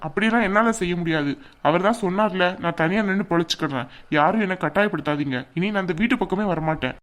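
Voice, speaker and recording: A woman's voice: fairly low pitch, fast talker, close to an everyday voice. A woman voicing a stubborn, resentful grown son in a cartoon, arguing indignantly. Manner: indignant, argumentative. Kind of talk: cartoon voice acting.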